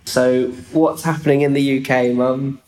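A man's voice: medium pitch, a little slow, poor audio. A young man with an English accent, chatting casually and acting out the people in his travel anecdotes. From England. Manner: chatty, animated, acts out voices in anecdotes. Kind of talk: casual chat, storytelling. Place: stairwell.

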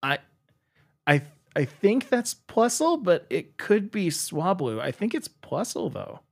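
Animated young man guessing aloud. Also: sits high, slow pace. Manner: playful, hesitant, imitates sounds. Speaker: quiz player. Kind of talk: casual chat.

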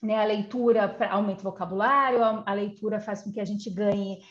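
A woman's voice: mid-range voice, fairly even intonation, brisk. A woman giving an informal talk on communication, explaining step by step with frequent fillers and tag questions. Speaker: communication guidance speaker. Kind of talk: informal lecture. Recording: slightly muffled lo-fi audio.

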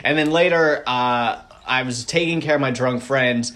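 A man in his twenties hosting a podcast, telling stories casually and jumping into loud acted quotes. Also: medium pitch, moderate pace. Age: 20s. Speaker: podcast host. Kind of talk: casual interview chat.

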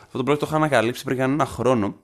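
Young man from northern Greece, chatty podcast co-host, mid-pitched, teasing, restarts sentences. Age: young adult. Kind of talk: casual podcast chat.

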